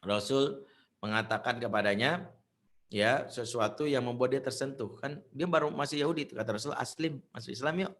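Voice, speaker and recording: A man preaching to parents in an animated storytelling style, acting out the voices of the people in his stories. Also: moderate pace. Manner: animated storytelling, acts out quoted voices with big pitch jumps. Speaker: Islamic preacher. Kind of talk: parenting sermon with acted anecdotes.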